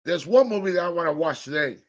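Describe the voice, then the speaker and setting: A man's voice: fairly high pitch, lively intonation, quick pace, highs cut off. Hyped man vlogging from his fish room. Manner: hyped, playful, repeats phrases, does mock announcer bits. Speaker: aquarium channel host. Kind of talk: casual hobby vlog. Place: home fish room in living room.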